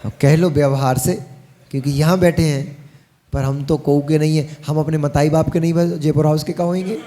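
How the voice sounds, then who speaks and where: High-voiced man preaching. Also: steady tone, normal speed, warm tone. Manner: folksy, addresses the audience directly with teasing asides. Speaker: Jain monk preacher. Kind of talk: sermon.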